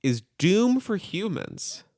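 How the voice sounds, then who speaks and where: Animated rambling young man. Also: sits high, slow pace, creaky, dry recording, clean studio sound. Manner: animated, rambling, lots of fillers and laughter. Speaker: podcast co-host. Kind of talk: casual chat.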